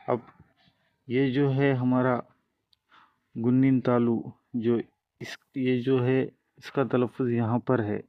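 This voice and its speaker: A man's voice: medium pitch, no room sound, muffled recording. A man teaching a language lesson, explaining each step patiently and drawing out the example sounds.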